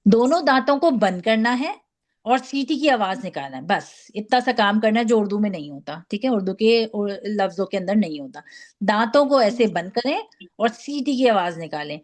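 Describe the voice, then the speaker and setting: A woman's voice: mid-range voice, expressive. A woman teaching Quran recitation, patiently modelling each letter sound for students to repeat. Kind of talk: online tajweed lesson.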